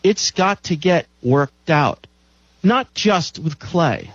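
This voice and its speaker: A man's voice: fairly high pitch, sing-song, slow pace, fairly bright tone, no room sound, lo-fi sound. A man hosting a call-in radio show, lecturing in an emphatic way and repeating phrases for stress.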